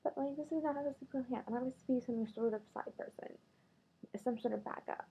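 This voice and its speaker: A woman vlogs about dating in a loose, chatty way, full of "like" and sudden quoted lines. Her voice is husky with a gravelly edge. The sound is thin and tinny, like a phone line. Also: high voice, fast, warm tone. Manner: chatty, filler-heavy, quotes others in raised voice. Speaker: vlogger. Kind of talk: casual storytelling about dating.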